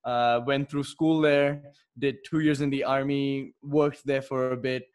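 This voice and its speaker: Male guest from India and Singapore, relaxed fluent chat, laughs easily, mid-range voice. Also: mid-range voice, a little slow, clean tone. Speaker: podcast guest. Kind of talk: casual podcast chat.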